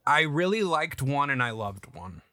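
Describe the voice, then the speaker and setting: A young man co-hosting a casual podcast, his voice bright and pushing forward. He rambles through anecdotes, doubling back on his words and laughing as he goes. The sound is close and dry, with no room around it. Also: medium pitch, big pitch swings, normal speed, no room sound. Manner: rambling, laughing storyteller with many restarts. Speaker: podcast co-host. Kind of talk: casual chat.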